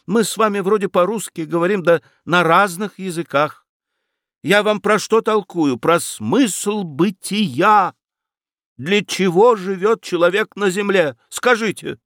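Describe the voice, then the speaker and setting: A man voicing a lofty, dreamy young nobleman who speaks in high-flown, pleading exclamations. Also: unhurried, fairly bright tone, no room sound, studio quality. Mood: exasperated.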